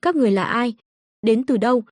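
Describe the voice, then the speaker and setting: A woman's voice: on the high side, expressive, a little fast, darkish tone, no room sound, studio quality. A woman voicing a shy, innocent young village girl who speaks timidly. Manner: timid, hesitant.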